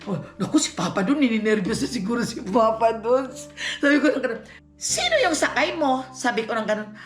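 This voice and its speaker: A middle-aged woman from the Philippines, a vlogger telling a personal story in an animated way, acting out the dialogue. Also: fairly high pitch, a little fast. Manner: animated, acts out quoted dialogue, laughs often. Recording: roomy echo with faint music.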